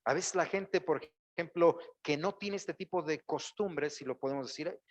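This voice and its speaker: Inside a church sanctuary, a pastor with a fairly high voice speaks at normal speed, addressing his congregation directly. He preaches with exclamations that keep climbing and dramatizes the quotes he delivers.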